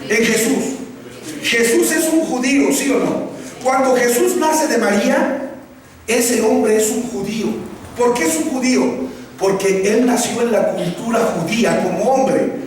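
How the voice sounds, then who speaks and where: Speaking a little slowly in an extremely high pitch, a male preacher asks the congregation questions and has them echo his words. He sounds far away in an echoey hall, with faint ambient sound.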